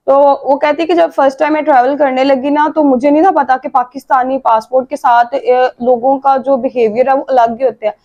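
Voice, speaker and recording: A woman's voice: sits high, fairly even intonation, brisk, few pauses, a little mellow, highs cut off. A woman from Pakistan hosting a reaction video, chatting casually and mixing in English phrases. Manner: chatty, mixes English phrases, frequent fillers.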